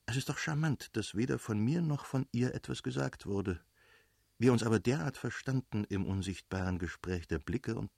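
A man's voice: fairly low pitch, gravelly, a little mellow, husky, no room sound, exaggerated voice. A man reading a dreamy young officer. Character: young male officer, smitten and self-satisfied. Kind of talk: audiobook character reading.

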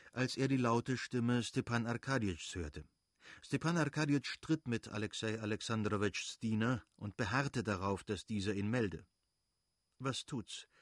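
A man reading a classic novel aloud as an audiobook narrator, in an even, measured way. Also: on the low side, no echo, clean studio sound.

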